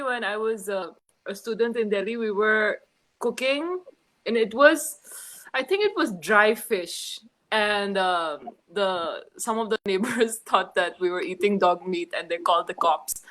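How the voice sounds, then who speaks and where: Female guest, animated storyteller, casual interview over a call. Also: a little high, low-quality recording. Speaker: film team member, guest.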